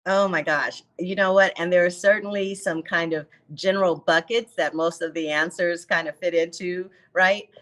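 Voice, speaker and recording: A woman in her fifties chats as a podcast guest, animated, acting out the words of others and laughing. Her voice sits a little low yet sounds bright and forward. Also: normal speed, hardly any pauses. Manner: animated storyteller, acts out quotes, laughs. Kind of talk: casual interview chat.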